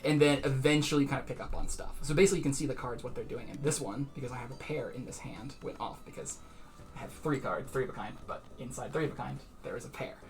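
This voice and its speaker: A man's voice: mid-range voice, fast, soft background music. A man streaming a card game at a charity marathon, chatty and laughing often as he explains each mechanic step by step. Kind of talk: casual explaining while playing.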